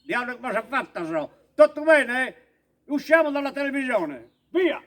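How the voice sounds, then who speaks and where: A man voicing a gruff rustic mountain villager with a Sardinian accent, who bursts into scolding shouts. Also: extremely high pitch, very animated, normal speed, heavily acted.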